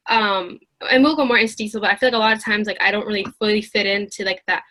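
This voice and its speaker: A woman's voice: medium pitch, fast talker. A woman in her twenties co-hosting a casual podcast, talking candidly and animatedly with lots of "like". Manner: animated, candid, heavy on filler "like". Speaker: podcast co-host.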